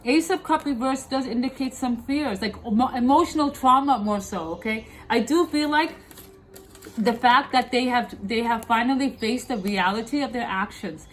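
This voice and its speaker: Lisping woman reading tarot, higher voice. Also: moderate pace, a little hiss or hum, poor audio. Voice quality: slight lisp from wearing clear dental aligners. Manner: emphatic and repetitive, often checking in with "okay?". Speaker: tarot reader, host. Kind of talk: tarot reading addressed to viewers.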